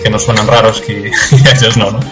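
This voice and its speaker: A man's voice: fairly low pitch, fairly even intonation, brisk, music in the background, rough recording. A man from Galicia, a tour guide talking in a casual interview. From Galicia, Spain. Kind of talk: casual conversation.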